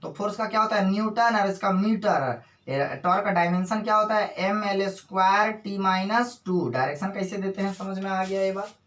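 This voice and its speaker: A man teaching a physics lecture, constantly asking his students questions and answering them himself, repeating definitions slowly word by word. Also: high-pitched, a bit bright. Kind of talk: classroom lecture. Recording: echoey room, voice from a distance.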